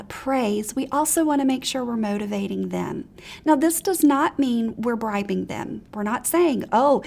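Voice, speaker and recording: Teacher trainer, woman, high and a little gravelly, upbeat instructional talk. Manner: encouraging, practical, animated examples.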